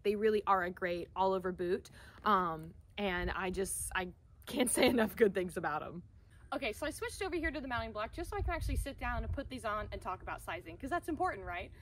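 Standing outside next to a wooden wall and an open field, a young American woman from Central Florida talks up products to the camera in a casual, chatty vlogger style. Her medium-pitched voice has a fairly bright tone and carries lots of enthusiasm and emphasis. Noise runs through the outdoor camera recording.

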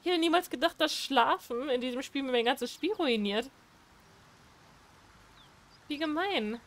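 Female gamer, high voice, casual let's-play commentary, bewildered and exasperated. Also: lively intonation, a little slow. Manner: confused, exasperated, talking to herself and the game. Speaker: gameplay streamer.

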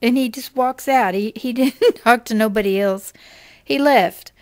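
Chatty higher-voiced woman telling a story. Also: unhurried, no echo. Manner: folksy, chatty, laughs while telling. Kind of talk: casual personal storytelling.

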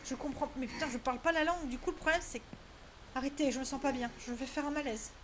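A woman streams a horror game in a bright, high voice. She talks in jumpy, anxious bursts, swearing and exclaiming as she goes, pleading for it all to stop. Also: fast talker, a little hiss or hum. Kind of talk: live gaming commentary.

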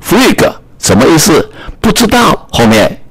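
A male English teacher giving a recorded reading lesson. He reads short English phrases slowly, then explains them in Mandarin, patiently repeating and rephrasing each point. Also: fairly high pitch, wildly swooping pitch, fairly bright tone, slightly rough, no room sound.

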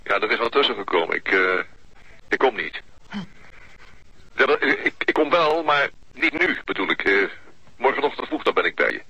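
Guy playing a shifty stammering man on a phone line, tinny sharp husky sound. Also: mid-range voice, big pitch swings, normal speed, pauses often, heavily acted. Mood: evasive. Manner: hesitant, stammering. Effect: telephone filter.

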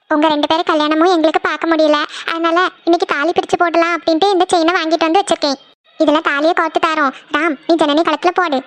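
A woman's voice: very high voice, fairly bright tone, dry recording. Woman putting on a motherly cartoon mother-in-law. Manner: motherly, comforting. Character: kind middle-aged mother-in-law, warm and reassuring. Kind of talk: cartoon voice acting.

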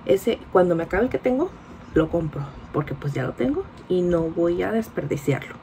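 A chatty Mexican woman in her forties vlogging into a phone held close. Her voice has a slight gravel to it, and some background noise sits under her talk. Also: fairly low pitch, animated, moderate pace, mellow, poor audio. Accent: Mexican Spanish. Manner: chatty, informal, confiding. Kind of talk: casual vlog chat to camera. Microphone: phone camera held close.

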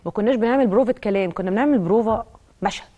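Egyptian actress guest, talks super fast, emotional storytelling. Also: female voice, medium pitch, warm tone, highs cut off. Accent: Egyptian Arabic. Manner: emotional, tells anecdotes with acted quotes. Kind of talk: TV interview.

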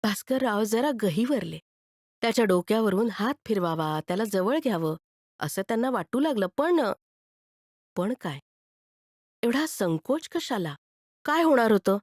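Expressive woman storyteller. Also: mid-range voice, measured pace, pauses often, dry recording. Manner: expressive, animated. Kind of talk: scripted story narration.

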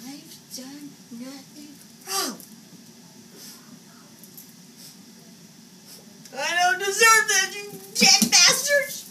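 This very high-pitched woman, in her seventies, performs a showy, worked-up psychic berating the spirits in a theatrical monologue on a small indoor stage. Her anguish and anger come out as exasperated drama, moving between halting muttering and sudden outbursts. The audio comes from a camera several metres off, with a noisy room around it.

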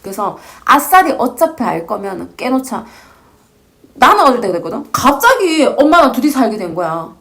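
Earnest woman in her forties, higher voice. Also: sing-song, moderate pace, a bit bright. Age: 40s. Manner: earnest, reflective, speaks in short informal phrases. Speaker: divorced mother sharing her experience. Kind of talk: casual personal storytelling.

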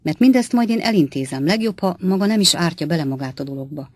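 A woman voicing a sly, teasing traveling salesman in an audiobook, in a measured, knowing manner. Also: on the low side, expressive, darkish tone, no room sound. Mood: soothing. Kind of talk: audiobook character voice.

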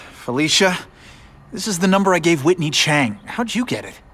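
A man's voice: fairly high pitch, very animated, normal speed, fairly bright tone, slightly rough, full character voice. An actor playing an earnest young male hero in a video game, casual, slightly awkward and wisecracking. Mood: exasperated, wry.

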